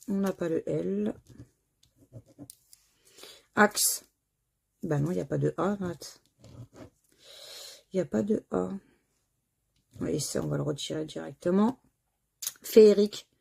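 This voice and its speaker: Her voice is low, dark and husky, with vocal fry, as this French woman hosts a scratch-card channel. She chats casually while scratching tickets, spelling out the letters individually.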